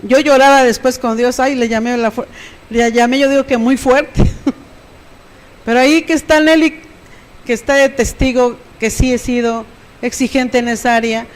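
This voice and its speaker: A middle-aged Mexican woman preaches a sermon from the pulpit. She speaks with a Mexican accent and keeps drawing in her congregation with quick rhetorical questions. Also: a little high, steady tone, low-quality recording. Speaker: pastor.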